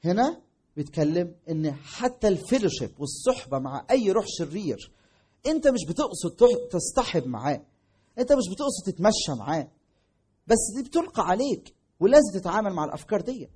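A man with an Egyptian Arabic accent preaching a sermon, emphatic, stressing words loudly and drawing some out. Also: high voice, big pitch swings, slightly rough. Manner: emphatic, swings between loud stresses and drawn-out words.

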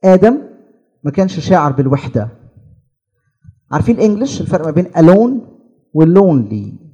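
A man's voice: fairly high pitch, very animated, fairly quick, warm tone, husky, highs cut off. A man with an Egyptian Arabic accent preaching a sermon, asking the listeners questions and answering them with rising emphasis.

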